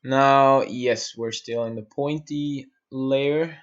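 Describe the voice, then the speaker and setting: A man from Austria, muttering to himself while he works through a software build on a live-stream tutorial and answering viewers' questions. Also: mid-range voice, fairly even intonation, slow, muffled recording.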